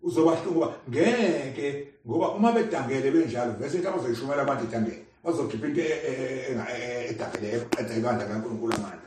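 A man's voice: mid-range voice, racing, few pauses, a little mellow. A man with a Zulu accent preaching a sermon, exhorting and repeating phrases for emphasis. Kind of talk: sermon, repeating a scripture reader and expounding. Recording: very echoey room, far from mic.

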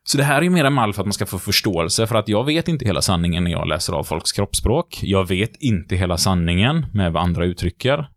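A man, a lecturer telling lively stories in casual chat and acting out the quotes. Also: sits low, hardly any pauses, dry recording, studio quality. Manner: lively storyteller who acts out the quotes. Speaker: lecturer on behaviour and body language. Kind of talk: casual podcast chat, storytelling.

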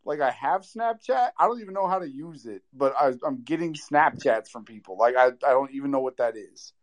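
A man's voice: mid-range voice, expressive, fairly quick. An American man co-hosting a live audio chat in a casual, self-deprecating, informal way.

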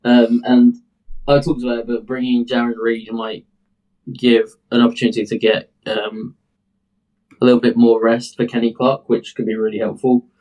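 A man's voice: mid-range voice, flat delivery, normal speed, highs cut off. A British man co-hosting a casual sports podcast, rambling and hesitant with many fillers. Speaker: podcast co-host.

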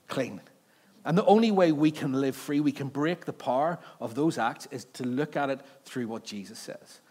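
A male preacher with a Belfast accent delivers an informal sermon at a middling pitch. He talks to his listeners conversationally, putting questions to them and often checking they follow with a short tag question. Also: moderate pace, a little mellow. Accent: Northern Irish, Belfast. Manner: conversational, rhetorical questions, frequent "right?" check-ins.

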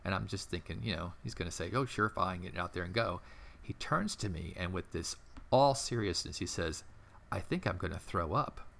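A middle-aged man telling long anecdotes in an interview, rambling and animated, with many fillers and restarts. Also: sits low, moderate pace, creaky. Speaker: interview guest, former theme park entertainment manager. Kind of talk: casual storytelling interview.

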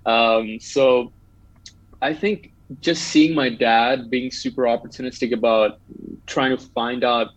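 A man's voice: mid-range voice, no room sound, muffled recording. A man, talking eagerly as a podcast guest, with lots of um and uh. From Bangladesh. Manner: upbeat, talkative, with frequent um and uh. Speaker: guest entrepreneur. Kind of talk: casual podcast chat.

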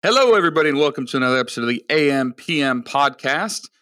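A man's voice: mid-range voice, lively intonation, fast talker, pushed and bright, dry recording. A man hosting a podcast, delivering scripted intros in an upbeat, peppy show-host manner.

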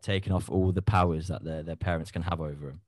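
A man's voice: sits low, fairly even intonation, a little mellow, no echo, studio quality. A man co-hosting a casual group podcast, jumping in to challenge others. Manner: quick to interject and challenge. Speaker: podcast co-host.

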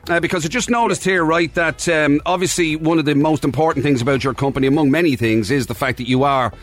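A man's voice: fairly high pitch, fast. A man with an Irish accent co-hosting a breakfast radio show in a chatty, informal style. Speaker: radio co-host. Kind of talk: casual breakfast radio presenting.

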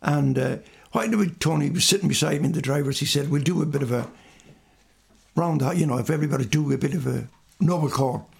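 Gravelly older man with a west of Ireland accent. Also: fairly high pitch, fast talker. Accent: Galway, west of Ireland. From Galway, west of Ireland. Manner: rambling anecdotes with reported dialogue. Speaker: singer and musician being interviewed. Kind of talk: conversational storytelling in an interview.

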